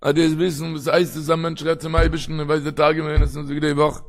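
Fast, gravelly-voiced man teaching. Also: on the high side, little pitch movement, faint music behind. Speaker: religious teacher. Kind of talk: traditional religious lecture.

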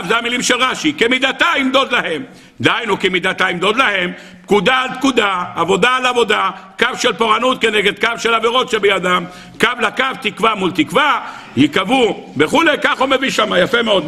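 A man preaches a Torah lesson in a high, bright voice. He teaches in a sing-song rhythm, firing rhetorical questions and briefly acting out the voices in his texts. His tone stays lively and pointed throughout. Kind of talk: animated Torah sermon.

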